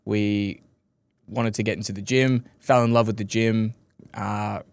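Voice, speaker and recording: A man hosting a podcast interview, relaxed and chatty, dropping lots of "yeah" and "you know". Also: on the low side, measured pace, creaky. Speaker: podcast host. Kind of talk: casual interview chat.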